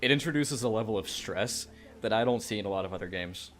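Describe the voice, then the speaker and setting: A man's voice: fairly low pitch, quick pace, fairly bright tone, faint music behind. A man co-hosting a let's-play video, joking and tripping over his words while he plays. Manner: joking, stumbles over words, laughs a lot. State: hiccuping. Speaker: gaming video co-host. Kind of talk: casual let's-play banter.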